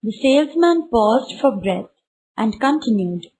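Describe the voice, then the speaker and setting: A woman, reading a textbook story aloud slowly and carefully for a class. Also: on the high side, big pitch swings, darkish tone, husky, rough recording. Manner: slow, careful read-aloud.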